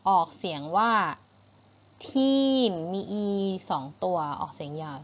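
A woman with a Thai accent teaching English to young pupils, patient and repeating each word slowly for pronunciation. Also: on the low side, a bit bright, muffled recording. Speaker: primary school English teacher. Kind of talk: online English lesson for children.

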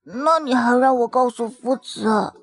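A woman's voice: high voice, extremely slow, mellow, full character voice. A woman voicing a timid little crybaby boy who pleads hesitantly in an audio drama.

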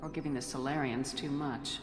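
A woman playing a composed human military commander in a video game, firm, measured and direct. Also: rumbling low, steady tone. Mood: calm, persuasive. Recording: echoey hall, music behind.

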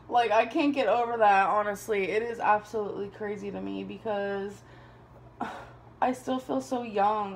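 Twenties woman rambling at a desk cam, bit of gravel in her voice, laughs a lot. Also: medium pitch, slight background noise. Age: 20s. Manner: chatty, rambling, laughs often. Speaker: vlogger. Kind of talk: casual chat to camera. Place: small bedroom indoors. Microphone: camera on a desk below her.

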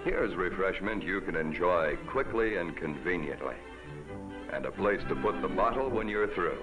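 A man narrating a 1950s TV commercial as a folksy, upbeat pitchman. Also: lively intonation, moderate pace. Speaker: commercial announcer. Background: music.

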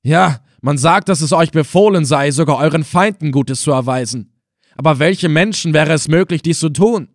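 A man's voice: medium pitch, moderate pace, no room sound, clean studio sound, lightly acted. A man reading an audiobook, voicing an angry, suspicious male prisoner who speaks in a heated, raised way. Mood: angry, scornful.

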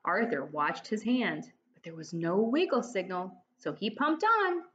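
Sitting indoors at home, a woman in her forties who teaches reads a children's chapter book aloud to her laptop webcam. She goes slowly and expressively, giving the dialogue lively voices, in a mid-range tone on a lo-fi recording with a little hiss or hum.

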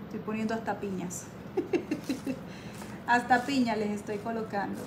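Woman, fairly high voice, chatty craft livestream host, affectionate, reads out comments, faint background noise. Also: unhurried. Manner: chatty, affectionate, calls viewers "my girls", reads comments aloud. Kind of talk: casual live craft tutorial chat.

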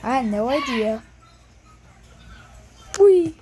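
A woman's voice: a little high, measured pace, background noise. A woman improvising a plush puppet show, rambling with lots of fillers and switching between character voices.

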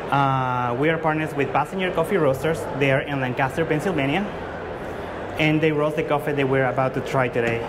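A man's voice: medium pitch, brisk. Earnest man in a noisy hall. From Guatemala. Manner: earnest, with frequent fillers and restarts. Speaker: competing barista. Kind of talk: competition presentation to judges. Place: large indoor exhibition hall. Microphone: far camera. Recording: loud hall noise from far off.

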